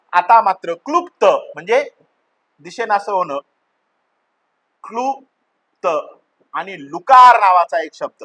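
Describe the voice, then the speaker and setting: This male teacher's voice sits high with a sharp tone as he leads a grammar lesson. Addressing the class as children, he chants each vowel in turn and poses questions that he then answers himself.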